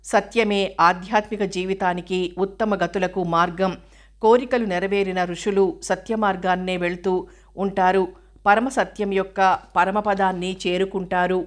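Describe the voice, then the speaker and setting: Woman, spiritual commentary, scripted reading, measured and explanatory, middle pitch. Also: steady tone.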